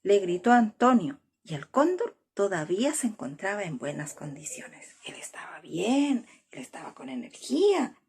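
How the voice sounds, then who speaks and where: Husky, lively woman telling a children's story. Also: medium pitch. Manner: slow and expressive, with whispered asides. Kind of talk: expressive storybook reading for children.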